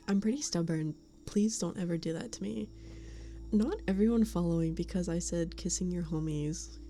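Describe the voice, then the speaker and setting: On a studio condenser mic, a woman streamer with a low, mellow voice chats casually with her live chat. She giggles often, laughing between remarks, and sometimes drops to a whisper.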